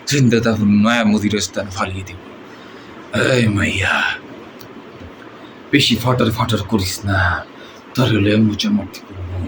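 A man voicing a menacing, swaggering movie villain gang boss with a Bangladeshi accent and drawn-out threatening taunts. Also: lowish voice, lightly acted. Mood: cold threats. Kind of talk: film villain dialogue mimicry. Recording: noisy amateur recording.

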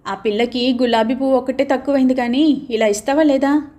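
A woman's voice: sits high, steady tone, fairly quick, mellow, natural voice. A woman voicing a grudging aunt who answers curtly and dismissively in an audio novel. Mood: irritated. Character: grudging aunt, curt and irritated.

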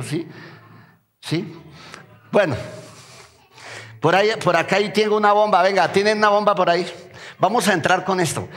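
A Colombian pastor with a high, ringing voice delivers a lively sermon, firing rhetorical questions at his congregation. His words echo through a church sanctuary with a long, lingering reverb.

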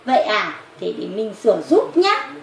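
A woman's voice: a little high, big pitch swings, moderate pace. A woman voicing a friendly, helpful young elephant schoolmate, eager and childlike, in a children's puppet story. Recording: roomy echo with clear background noise.

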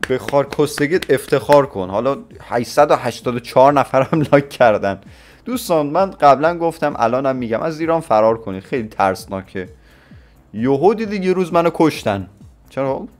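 Young guy doing a reaction vid, blunt and crude, says what he thinks. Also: mid-range voice. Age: 20s. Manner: blunt, opinionated, crude slang. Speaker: YouTuber reacting to a clip. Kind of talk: reaction commentary.

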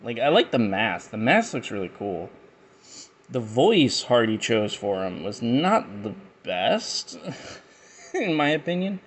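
A man's voice: fairly low pitch, very animated, slow, slight background noise. A man giving rambling, jokey commentary as he unboxes and reviews action figures. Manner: rambling, jokey, with frequent fillers. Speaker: toy reviewer.

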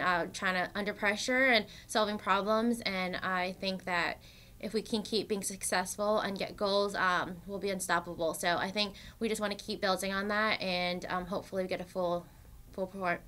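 A young woman, a soccer defender, answering questions after a match with many "um"s. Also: mid-range voice. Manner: steady, filler-heavy answers with many "um"s. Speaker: soccer defender at a press conference. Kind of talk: post-match press answers. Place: press room in front of a sponsor backdrop.

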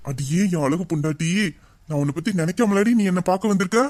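A performer voices a young husband in an audio drama, a man who misses his wife. His voice sits at an ordinary middle pitch. He talks in an emotional, intimate and endearing way. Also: animated, fast talker, darkish tone, natural voice. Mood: tender.

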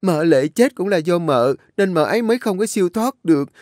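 A man's voice: high-pitched, lively intonation, fairly quick, a little mellow, no room sound, studio quality, voice pushed up. A young maid in an audio story pleads in a raised, trembling voice, as a man puts her on. She stammers through her confession. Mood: pleading. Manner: stammering, begging. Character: terrified young servant girl, pleading.

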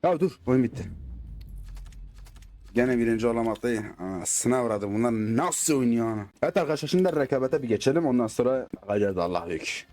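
A man doing casual gameplay commentary, excitable and swearing when the game frustrates him, slipping into dialect when angry. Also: medium pitch, a little fast. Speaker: gaming YouTuber. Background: faint game gunfire.

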